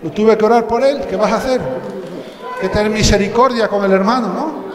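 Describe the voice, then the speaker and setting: A man's voice: sits high, brisk, crowd noise. A man from Spain preaching a sermon as pastor, telling humorous stories and acting out the dialogue. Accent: Spanish from Spain. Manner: storytelling, jokey asides, acts out dialogue. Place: church hall. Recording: echoey hall with long reverb.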